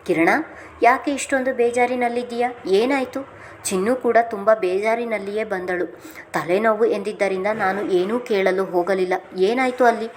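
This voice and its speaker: A woman voicing an anxious sister-in-law in a family drama, speaking higher and louder. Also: moderate pace, slight background noise, lightly acted. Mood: worried. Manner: worried, higher and louder questioning.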